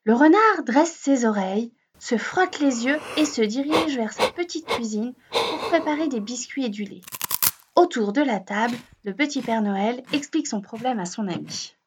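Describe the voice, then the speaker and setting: A woman reading a children's story aloud, gentle and expressive. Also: on the high side, moderate pace, noisy background. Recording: dull lo-fi recording.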